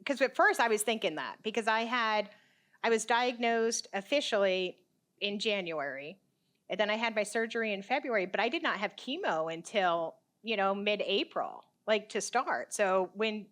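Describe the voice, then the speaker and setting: A therapist in her fifties, appearing as a podcast guest, tells her story casually and animatedly, imitating the people she quotes and laughing often. She speaks at medium pitch and a moderate pace.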